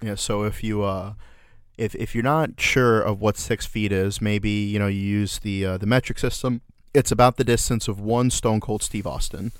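A man banters as a podcast co-host. His voice is smooth and a little low, recorded dry and close. He rambles through sardonic asides and swears casually. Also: fairly even intonation, normal speed, no echo.

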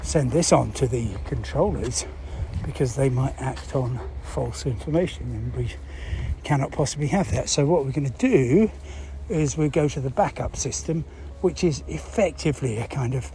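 A man with a mellow, relaxed, medium-pitched voice walks listeners through a news story as a presenter. He speaks off the cuff and haltingly, thinking aloud and posing his own questions before answering them. Some noise is clearly audible behind him.

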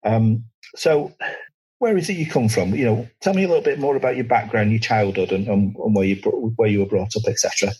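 A man's voice: fairly low pitch, a little fast, a little mellow, breathy edge. A man hosting a podcast interview, chatty and friendly, often restarting his phrases. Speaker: podcast host. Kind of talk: casual interview.

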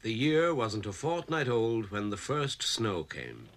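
Male narrator, scripted documentary, animated pitch. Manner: measured, descriptive.

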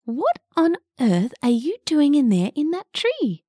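A woman voicing a cheeky, curious young female woodpecker with a bright, eager, lifted voice in a children's story. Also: sits high, huge pitch swings, measured pace, no room sound, clean studio sound, full character voice.

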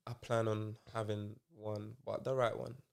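A man's voice: fairly low pitch, flat delivery, moderate pace, vocal fry, smooth. A man with a London roadman accent chatting casually in slang as an interviewed footballer, laid-back and full of tag questions. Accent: London roadman, multicultural urban London. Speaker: footballer being interviewed as podcast guest.

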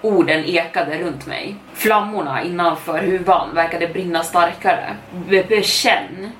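A woman telling a first-person horror story as a podcast storyteller, in a measured, suspenseful reading. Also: on the low side. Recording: echoey room, distant mic, faint noise.

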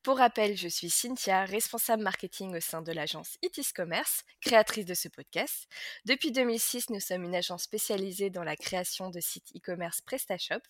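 A woman's voice: mid-range voice, moderate pace, no echo, studio quality. A woman hosting a casual podcast interview, talking with many fillers and restarts. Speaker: podcast host, marketing manager.

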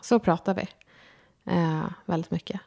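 A woman from Sweden with a slight lisp who speaks far forward in her mouth, giving her Stockholm accent an upper-class ring. She talks directly and frankly, with a self-deprecating streak. Her middle-pitched voice carries a gravelly edge. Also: fairly even intonation, a little mellow. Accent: Stockholm, slightly upper-class tinge. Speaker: guest, designer and lecturer. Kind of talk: casual conversation.

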